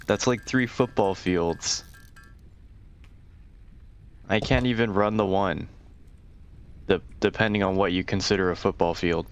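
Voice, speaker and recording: A man with a low, smooth, resonant voice chats while playing a game with a friend. He is laid-back and jokey, with playful complaints. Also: fairly even intonation, a little slow, pauses often. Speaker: co-player. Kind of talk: casual chat while gaming.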